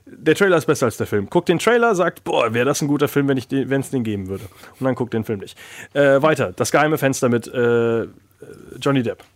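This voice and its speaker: A man's voice: mid-range voice, expressive, a little fast, no echo. Rambling German-speaking man, dry close sound. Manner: rambling, many filler sounds, joking. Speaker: podcast co-host. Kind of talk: casual film chat.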